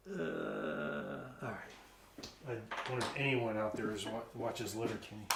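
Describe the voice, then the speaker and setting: A man's voice: fairly low pitch, expressive, slow pace, creaky. Rambling man with a slight Southern drawl. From Southern United States. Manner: rambling, joking asides while working. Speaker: woodworking instructor. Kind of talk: casual workshop demonstration. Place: woodworking shop. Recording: echoey shop, distant mic, background noise.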